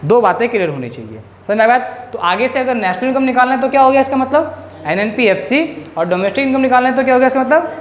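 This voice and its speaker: A male economics teacher giving a classroom-style lecture, drilling his students with quick questions. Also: extremely high pitch, sing-song, slight background noise. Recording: echoey room.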